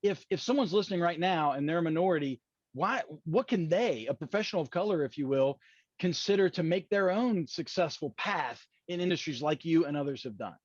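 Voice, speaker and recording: A man's voice: fairly high pitch, expressive, brisk, no echo. A man from West Virginia with an Appalachian accent, hosting a conversational interview in a rambling, folksy, self-correcting way. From West Virginia, USA. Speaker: podcast host. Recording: dull, muffled lo-fi audio.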